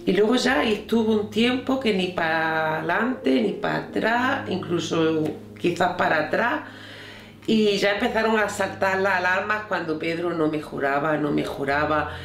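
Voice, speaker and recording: A woman from Spain speaks very slowly and reflectively in a documentary interview, with a fairly low voice. The room adds a roomy echo, and faint music sits under her words. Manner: reflective, measured. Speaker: hospital colleague.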